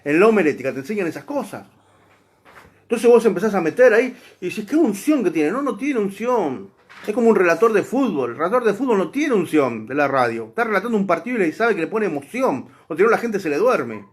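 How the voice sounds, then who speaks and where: A man's voice: high-pitched, very animated, brisk, slightly rough. A man giving a church class as a Bible teacher, speaking emphatically and addressing the listener directly.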